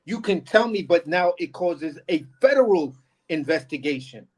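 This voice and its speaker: A man with a slightly higher pitched voice co-hosting a political talk show. He makes his points emphatically, repeating phrases and cursing for force. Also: lively intonation, normal speed, slightly rough. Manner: emphatic, profane, repeats himself. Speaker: co-host. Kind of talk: casual political commentary.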